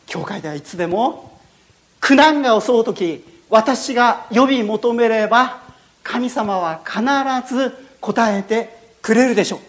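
Animated high-voiced woman telling a church story. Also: unhurried. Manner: animated, sound effects, talks to listeners. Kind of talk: sermon storytelling for children.

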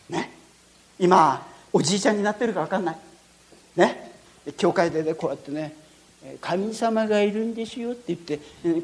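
A woman telling a Bible-lesson story to children, lively and full of sound effects, speaking to her listeners. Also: on the high side.

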